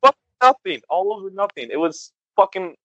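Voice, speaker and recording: A man's voice: high-pitched, expressive, fairly quick, a bit bright, dry recording, lo-fi sound. Profane laughing man telling a story. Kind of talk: casual storytelling chat.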